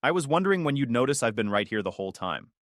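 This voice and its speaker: Brief: man playing a quiet, supportive girlfriend, understated. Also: medium pitch, very animated, quick pace, no room sound, studio quality, natural voice. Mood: gentle. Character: supportive young woman, calm partner. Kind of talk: storytime narration.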